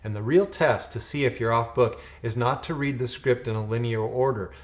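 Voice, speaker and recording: A man with a medium-pitched voice delivers an acting lesson. He has the deliberate manner of a drama teacher, explaining things in clear instructional steps. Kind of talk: instructional lecture to camera.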